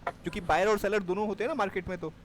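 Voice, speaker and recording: A man's voice: high-pitched, steady tone, racing, slight background noise. A man teaching a live class on trading, explaining step by step and checking that his students follow. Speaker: stock market trading teacher.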